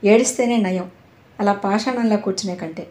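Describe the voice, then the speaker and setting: A woman voicing a gentle, caring male friend in a storybook reading, a little hushed and lower. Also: moderate pace, lightly acted. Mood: consoling. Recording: roomy echo.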